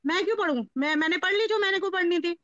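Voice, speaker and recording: A woman's voice: extremely high pitch, fast, a bit bright, dry recording, muffled recording. A woman calling into a live-stream debate, arguing defiantly. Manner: argumentative, defiant. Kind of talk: heated live-stream argument.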